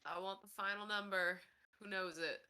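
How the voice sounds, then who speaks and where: Woman, mid-pitched player, expressive, giggly storyteller of her reactions. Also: normal speed, clean tone. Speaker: tabletop game player. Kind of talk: casual post-session chat.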